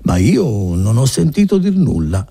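A man voicing a wary young mountain villager who answers evasively, his voice rough and gravelly in an audiobook reading. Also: mid-range voice, sing-song, unhurried, dark tone, pitched above the performer's own voice, exaggerated voice. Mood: guarded. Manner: guarded, evasive.

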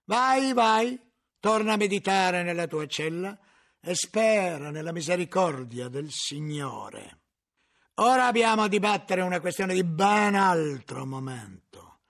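A man voicing a stern, coldly paternal inquisitor who speaks slowly and solemnly. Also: high-pitched, animated, fairly bright tone, voice pushed up, full character voice. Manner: slow, measured, solemn.

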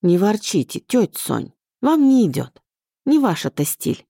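A stubborn young woman in an audiobook, arguing in a bright, bouncy way, as a woman reads her. The lines jump up in pitch and stay lively. The reading is close and dry. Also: a little slow, creaky, no echo, full character voice. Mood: teasing. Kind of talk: audiobook character voice.

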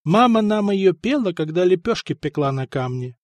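An earnest young Slavic man, as a male audiobook reader puts him on, calm and steady. His voice sits high and swings lively. The sound is dry and close. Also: moderate pace, dry recording.

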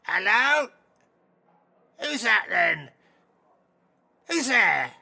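An actor playing a very old, frail, fearful shopkeeper in an audio drama, with a quavering, halting voice. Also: male voice, high-pitched, big pitch swings, vocal fry, sharp tone, exaggerated voice. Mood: wary. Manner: halting, alarmed.

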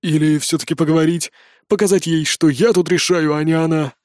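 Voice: mid-range voice, steady tone, brisk, darkish tone, dry recording, close to an everyday voice. Reader as a cornered ladies' man, rattled and stammering, close and dry. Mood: flustered. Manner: flustered, pleading. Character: panicky boastful young man.

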